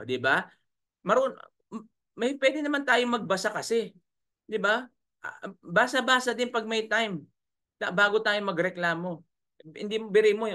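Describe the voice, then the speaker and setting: A man's voice: high-pitched, bright, forceful tone. A man coaching online sellers in a live webinar, in a chiding manner, full of rhetorical questions. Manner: chiding, rhetorical, keeps asking "right?". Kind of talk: live webinar talk, reading viewer comments.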